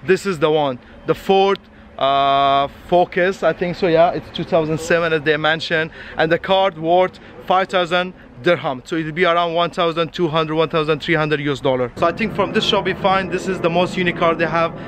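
A man in his twenties talks to his arm's-length camera while walking through an outdoor car lot, casually pointing out cars in non-native English. His voice runs on the high side and a bit bright, with a steady tone and moderate pace. Street sounds are faintly audible.

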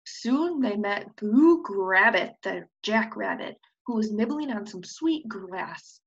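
A young preschool teacher reads a children's storybook aloud with expression and prompts with questions, speaking into a computer microphone during an indoor screen-share video call. Her mid-range voice is husky and slow, with lively intonation, and the webcam audio is slightly dull.

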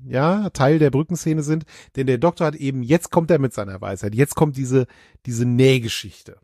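A man's voice: medium pitch, moderate pace, darkish tone, dry recording. Wry, dry-sounding male podcast co-host. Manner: playful, ironic asides with laughs. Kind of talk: casual chat recapping an episode.

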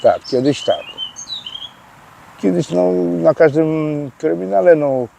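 Slow, hesitant man answering questions. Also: on the high side, creaky, mellow. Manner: hesitant, many fillers and restarts. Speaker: interviewee explaining prison slang. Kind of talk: casual interview answers. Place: outdoors by a street.

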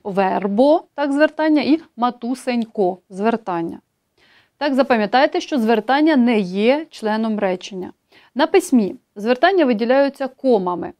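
A woman giving an exam-prep grammar lecture, explaining rules step by step, slowing down to read poetry examples and often saying "so" to check understanding. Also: on the high side, mellow. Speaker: teacher.

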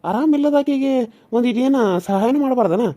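A woman voicing a gentle young village husband in a cartoon serial, earnest and pleading, with a North Karnataka accent. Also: high-pitched, a little fast. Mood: frustrated. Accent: North Karnataka Kannada.

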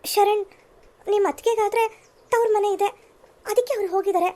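A woman's voice: very high voice, fairly even intonation, a little fast, mellow. A woman voicing an indignant young wife in a family cartoon who complains about doing all the housework. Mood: aggrieved. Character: sharp-tongued young wife, defiant. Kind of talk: cartoon voice acting.

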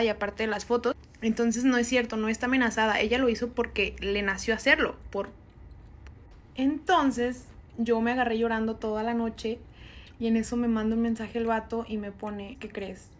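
A woman's voice: a little high, a bit bright. A young Mexican woman casually telling a dramatic personal gossip story, chatty and full of slang. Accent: Mexican Spanish. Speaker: storyteller on social media.

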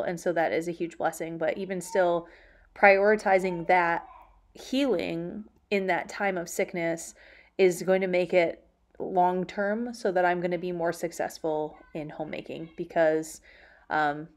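With a fairly low pitch, this woman in her thirties, a homemaking vlogger, responds to questions in a relaxed way, open and thoughtful as she explains.

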